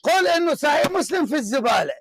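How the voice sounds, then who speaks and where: A man hosting a heated religious debate, confrontational and repeating his demands, often shouting. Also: very high-pitched, sing-song, very fast, background noise. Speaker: debate show host.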